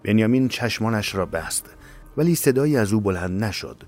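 A man narrating a tense audiobook story in a steady, measured way. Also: lowish voice. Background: faint music.

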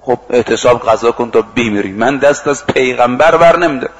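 A man giving a sermon, telling stories vividly, acting out the quoted dialogue, and slowly chanting scripture and verse. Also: medium pitch, dull audio. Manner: lively storytelling that acts out quoted exchanges and chants scripture and verse. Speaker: preacher. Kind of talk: storytelling sermon.

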